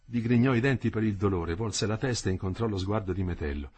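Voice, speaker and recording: A man narrating a novel as an audiobook, in an expressive, dramatic reading. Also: fairly low pitch, fast talker, slightly rough. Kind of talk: scripted narration.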